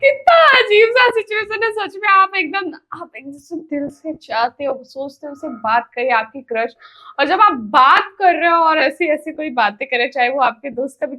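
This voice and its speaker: A woman's voice: sits high, bright, forceful tone. A woman hosting a reaction video, chatting casually and agreeing with the clip. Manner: chatty, agreeing and laughing along.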